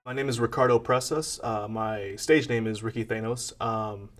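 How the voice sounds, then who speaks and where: Low-voiced man in his twenties, distant. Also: steady tone, normal speed, over loud music. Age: 20s. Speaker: singer-songwriter. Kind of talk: casual documentary interview.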